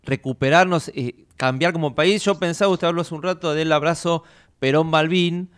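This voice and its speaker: A man's voice: fairly high pitch, steady tone, normal speed, clean tone. A middle-aged man hosting a radio interview over a video call, asking long questions with many fillers. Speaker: radio host.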